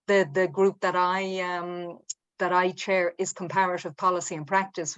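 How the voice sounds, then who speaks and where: Low-voiced Irish woman explaining. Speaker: physician panelist. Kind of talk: casual panel discussion.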